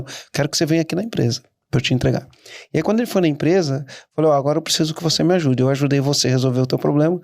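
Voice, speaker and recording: A middle-aged man, a guest entrepreneur telling stories in a casual interview, animated and quick to restart his sentences. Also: on the high side, gravelly, no echo, clean studio sound. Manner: animated, anecdotal, frequent restarts.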